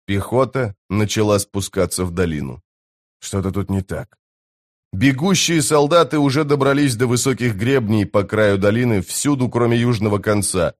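A man narrating an audiobook in a steady, even storytelling voice. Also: fairly low pitch, moderate pace, few pauses. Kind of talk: scripted narration.

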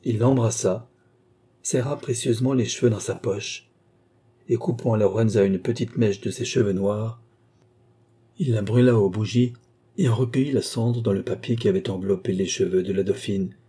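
Low husky male audiobook narrator. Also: fairly even intonation, moderate pace, dark tone. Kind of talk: scripted narration.

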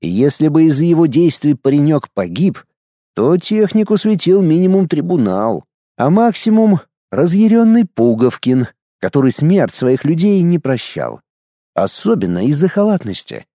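Man, audiobook narration, expressive, measured, mellow dark tone, dry close sound. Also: fairly high pitch, dry recording.

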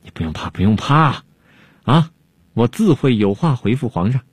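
Man doing cunning court jester, unhurried teasing drawl, husky, dry close sound. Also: mid-range voice, very animated, dry recording. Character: sly, unflappable male Han court jester-scholar.

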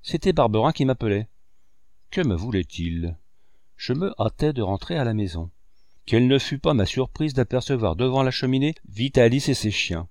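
A man reading a classic novel aloud as an audiobook narrator, measured and expressive. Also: mid-range voice, no room sound.

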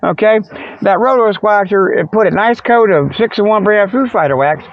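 With a high voice at normal speed, an American man hosts a comic show about Sasquatch, ambling through a casual, folksy monologue laced with jokes. The audio is dull and lo-fi like radio, recorded close and dry.

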